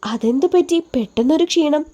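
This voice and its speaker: A woman's voice: sits high, a little fast, warm tone, pitched above the performer's own voice, lightly acted. A woman voicing a teasing young male doctor. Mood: teasing, concerned.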